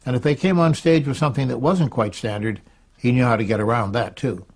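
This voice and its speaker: A man's voice: medium pitch, a little fast, slightly rough. A man recounting magic history as a wry storyteller in a documentary interview.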